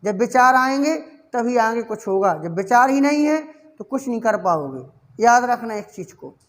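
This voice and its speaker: A man's voice: very high voice, expressive, moderate pace. A male English grammar teacher giving a classroom lecture, asking the class questions over and over, answering them himself, and fondly calling his students child.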